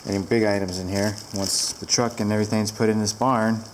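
A woman's voice: extremely low pitch, fairly even intonation, fairly quick. A woman giving a casual, rambling product review with fillers, filmed on a handheld camera inside a large barn with the door open to the wind.

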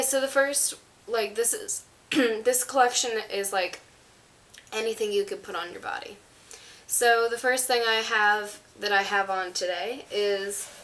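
A teenage vlogger with a stuffy, congested voice, clearly under the weather, rambles casually to a camera on a stand in front of her while showing off items in her small bedroom. Her voice is mid-range and a bit bright.

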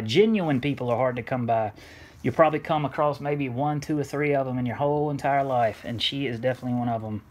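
A man talks loosely to his camera at home, rambling, cursing and perking up with delight as he opens things. Loud crinkling paper and clicks sit clearly behind his voice. His pitch sits in an ordinary middle range. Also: a little hiss or hum. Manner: rambling, swears freely, excitable. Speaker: vlogger unboxing a gift. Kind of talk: casual unboxing chat. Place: home room.

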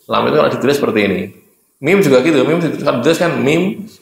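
A man's voice: mid-range voice, animated, fast talker, vocal fry, roomy sound. A man with a Javanese accent teaching Quran reading at a religious study, explaining patiently and chanting letters aloud. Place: mosque.

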